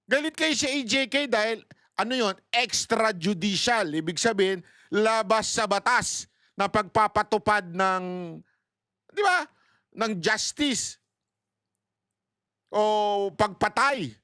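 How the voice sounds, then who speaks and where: A man's voice: sits high, slow pace, pauses often, bright, forceful tone, dry recording, studio quality. A male vlogger giving mocking, sarcastic political commentary, laughing often and taunting his opponents.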